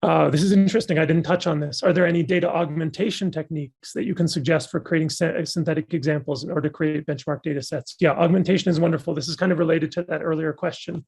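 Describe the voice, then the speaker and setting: After giving a talk, a guest speaker fields audience questions thoughtfully and with enthusiasm, his somewhat high voice gravelly, husky and a little mellow as it gives out. He moves at a quick pace with hardly any pauses and fairly even intonation.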